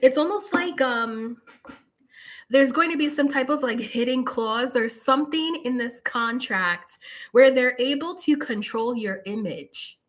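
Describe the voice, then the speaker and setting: Woman, tarot reader on a livestream; slightly high voice, casual, filler-heavy, firm direct warnings to the viewer. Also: unhurried. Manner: speaks straight to the viewer, many "like" fillers. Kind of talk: live tarot reading.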